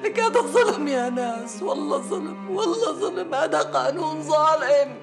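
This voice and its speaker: Brief: a high, gravelly-voiced Syrian mother in tears, begging. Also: steady tone, fairly quick, music in the background. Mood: sobbing grief. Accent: Syrian Arabic. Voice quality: sobbing, pleading, gravelly. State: crying. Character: anguished mother losing her grandson, desperate. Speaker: grieving mother in a TV drama.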